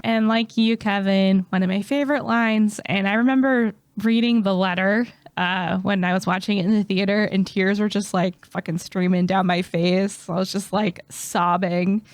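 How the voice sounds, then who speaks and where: A woman's voice: mid-range voice, steady tone, normal speed, few pauses, clear, resonant tone, dry recording. A woman co-hosting a podcast in casual chat, blunt and enthusiastic, swearing freely. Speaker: podcast co-host.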